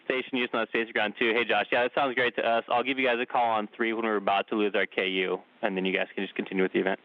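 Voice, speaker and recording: A man's voice: on the low side, flat delivery, quick pace, dry recording. A man working as mission control communicator, calling over radio like a sci-fi communicator. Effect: radio transmission. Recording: dull, lo-fi radio link.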